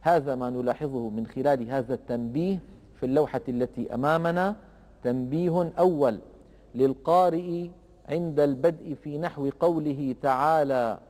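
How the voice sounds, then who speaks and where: A man teaching a lesson on Quran recitation rules, explaining in a measured way and slowing down to recite examples. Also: medium pitch, a little mellow, long reverb tail.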